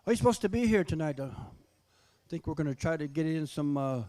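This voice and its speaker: A middle-aged or older man working as a powwow emcee, calling names and making announcements in a folksy, unhurried way, often repeating himself. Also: fairly high pitch, lively intonation, mellow, dry recording. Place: live microphone at a powwow event.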